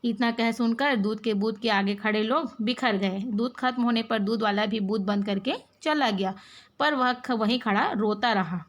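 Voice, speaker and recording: A woman's voice: fairly high pitch, moderate pace. A woman teacher reads a story aloud and retells it in simple words, often checking in with "है ना". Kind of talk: reading a story aloud and explaining it in class.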